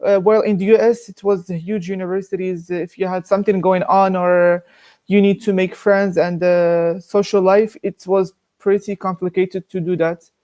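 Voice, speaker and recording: A man's voice: sits high, flat delivery, normal speed, a little mellow. A young man from Morocco, an engineering student answering interview questions hesitantly, with many fillers.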